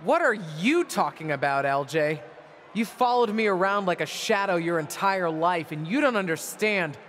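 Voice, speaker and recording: An actress playing a bitter, proud middle-aged wrestling legend in a video game, delivering a taunting, theatrical wrestling promo. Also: female voice, medium pitch, normal speed, natural voice. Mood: scornful. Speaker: returning wrestler, former champion and manager. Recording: arena ambience noise behind voice.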